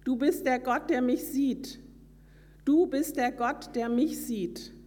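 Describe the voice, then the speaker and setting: A woman's voice: sits high, slow, a little mellow, in a large hall. A runaway slave woman pleading, as a woman reads her. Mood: awed. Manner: pleading, distressed.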